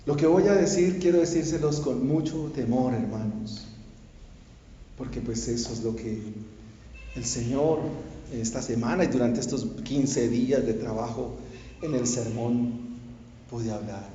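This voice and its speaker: A male pastor preaching a sermon, swinging from hushed confession to pleading cries. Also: mid-range voice, a little slow. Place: church. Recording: echoey church hall, dull lo-fi sound.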